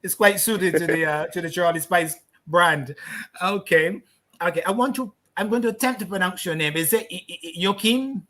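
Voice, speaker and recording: A man's voice: high voice, moderate pace, bright, forceful tone. A middle-aged man from Barbados hosting a casual video-call chat, courteous and talkative, stumbling politely over a guest's name. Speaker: host.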